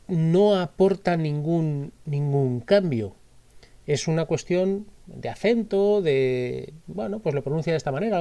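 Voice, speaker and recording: A man's voice: on the high side, mellow. A man with a Spanish accent from Spain, teaching a recorded lesson. He explains step by step and often repeats himself or corrects his wording. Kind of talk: recorded lecture.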